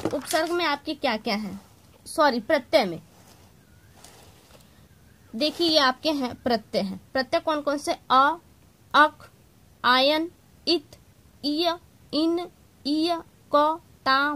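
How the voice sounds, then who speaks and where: A woman's voice: high voice, fairly bright tone. A woman teacher giving an exam-prep grammar lesson, explaining patiently and reading word lists aloud to her viewers.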